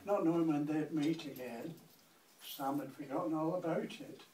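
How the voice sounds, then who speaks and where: A man's voice: a little high, moderate pace, mellow. A man in his eighties with a Lancashire accent reciting a comic verse monologue in a rhythmic, dry delivery. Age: 80s. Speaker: grandfather reciting. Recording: echoey room, distant mic, faint noise.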